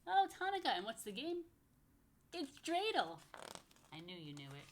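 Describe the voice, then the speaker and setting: With lively, animated pitch at normal speed, an American woman, a rabbi leading children's story time, reads a picture book aloud. She's expressive, chatting in asides and asking her young listeners playful questions. A little hiss or hum is audible.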